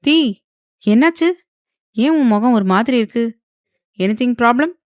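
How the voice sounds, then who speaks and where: A man's voice: high-pitched, normal speed, smooth, no room sound, natural voice. Woman doing a wry, teasing husband in an audio romance, offhand, dry close recording. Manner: mocking, offhand.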